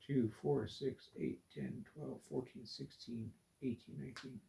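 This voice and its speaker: Slow, gravelly man muttering while building. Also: mid-range voice, steady tone, warm tone, a little hiss or hum. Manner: mutters and counts pieces under his breath; playfully scolds the pieces as rascals. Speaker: video creator. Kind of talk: building vlog, talking to himself.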